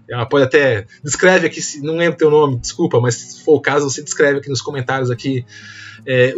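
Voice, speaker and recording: Male lecturer with a high voice, rambling and chatty, full of restarts. The audio is muffled with faint music behind. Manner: rambling, frequent tag questions and restarts. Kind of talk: casual video lecture with anecdotes.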